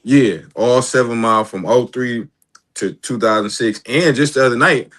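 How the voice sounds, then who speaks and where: A man with a bright, mid-pitched voice tells a boastful story in a casual chat. He talks with swagger. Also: moderate pace.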